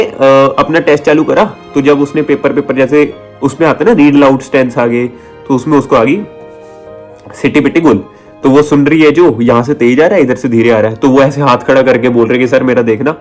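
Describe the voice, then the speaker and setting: Young guy vlogging exam tips, chatty and animated, faint music underneath. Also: medium pitch. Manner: chatty, animated, mimics people and sounds. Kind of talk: casual storytelling vlog.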